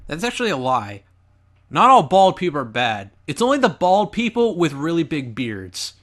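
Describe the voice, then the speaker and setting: A man doing reaction commentary over his old gameplay video, animated, sarcastic and joking. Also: a little high, normal speed. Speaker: let's play commentator.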